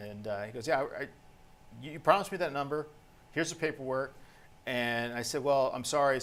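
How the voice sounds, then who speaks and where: A man hosting a panel, casually telling a long anecdote and acting out the dialogue of the people in it. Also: mid-range voice. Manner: animated, acts out quoted dialogue.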